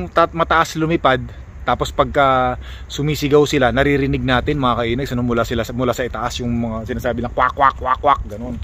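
A man's voice: a little high, slight background noise. A man talking casually to his viewers while walking outdoors by a lake, exclaiming often at the sights. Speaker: vlogger.

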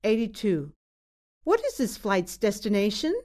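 Woman exam narrator with lively intonation. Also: mid-range voice, unhurried. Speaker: test narrator. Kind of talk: scripted narration of exam questions.

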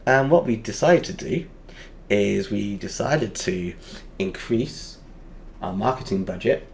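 A man teaching a lesson over a whiteboard drawing, explaining step by step and pausing often with fillers. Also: lowish voice, expressive, gravelly, a little hiss or hum.

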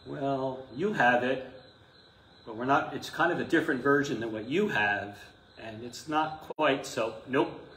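An unhurried, medium-pitched and slightly bright voice belongs to a middle-aged Orthodox priest teaching an informal class. He speaks conversationally but with emphasis, asking rhetorical questions and adding asides, in a small indoor classroom. The mic is far off, leaving echo and some noise.

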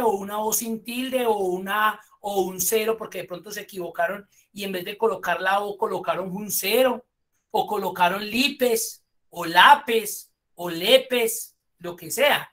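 A woman teaching a spreadsheet course online, explaining step by step and praising her students. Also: mid-range voice.

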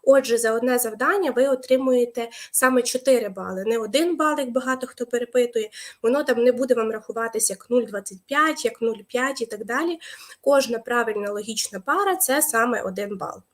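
A young woman teaching a live online exam-prep lesson, explaining patiently with hesitant fillers and pausing to wait for viewers' answers. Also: on the high side.

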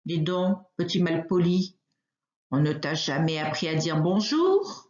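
A woman's voice: low-pitched, measured pace, a little mellow, voice pushed down. A woman voicing a vain, bullying male wolf in a storybook reading, boastful and growling. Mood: indignant. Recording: roomy, slightly dull recording.

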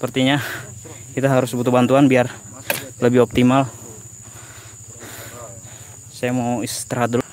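A man vlogging and praying in a soft, earnest voice from inside a covered grave. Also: mid-range voice, monotone, normal speed, pauses often. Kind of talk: reflective vlog with prayer.

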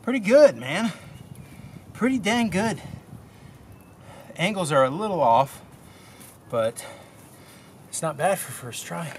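A bushcraft vlogger in his thirties, with a fairly high voice, narrates slowly and casually to the camera while crafting outdoors in the woods, half talking to himself with long pauses. The audio has a little hiss or hum.

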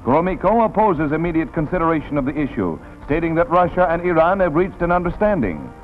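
An American man narrates a 1940s newsreel in a dramatic, declamatory announcer style, his voice pitched on the high side, very animated and brisk. The tinny vintage film soundtrack carries newsreel music behind him.

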